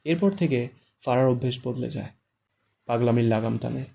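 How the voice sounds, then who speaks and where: Male audiobook narrator, even storytelling delivery, gravelly and dark. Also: medium pitch, normal speed. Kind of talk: scripted narration.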